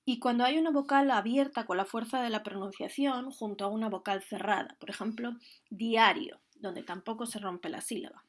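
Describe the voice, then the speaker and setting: A woman's voice: a little high, fairly quick, few pauses. A woman teaching a grammar lesson, explaining the rules patiently and carefully, one step at a time. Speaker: Spanish teacher.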